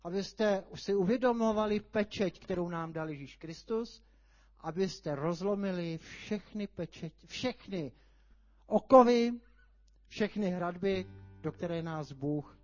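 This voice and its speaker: Guy preaching, high voice, gets loud and excited, dry dull lo-fi sound. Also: no echo. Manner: animated storytelling, sudden shouts. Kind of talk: sermon.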